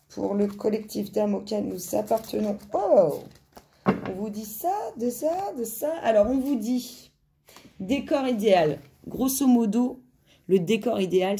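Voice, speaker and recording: A woman hosts an informal card reading in a mellow, relaxed voice. She chats to her viewers and murmurs questions to herself and the cards. Short phrases often come back in repetition. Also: on the low side, vocal fry, a little hiss or hum. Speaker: tarot and oracle card reader, host.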